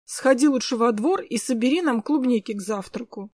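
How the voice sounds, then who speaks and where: A gentle young man speaks softly and teasingly in an audiobook, read by a woman. His lines stay close to the reader's own fairly high voice, recorded dry and close. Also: moderate pace, no room sound, natural voice. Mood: calm. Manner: soft, teasing.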